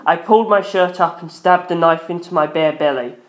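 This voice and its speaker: A brisk man with a fairly high voice narrates a first-person tale in dramatic audiobook fashion. The recording carries a roomy echo.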